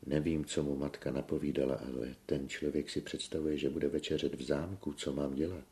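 A man reading a story aloud, voicing an anxious young village girl in a soft, hushed way. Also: low-pitched, steady tone, pitched above the performer's own voice. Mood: worried. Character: shy worried village girl, young woman.

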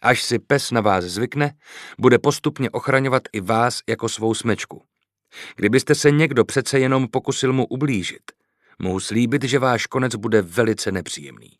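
A man's voice: mid-range voice, dry recording, lightly acted. A man reading the lines of a commanding young nobleman in an audiobook, dry and ironic.

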